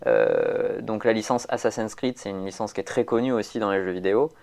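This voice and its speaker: A man's voice: on the low side, sing-song, a little fast, creaky, a little mellow. A man chatting casually on a podcast, rambling with many fillers and restarts. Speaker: podcast host.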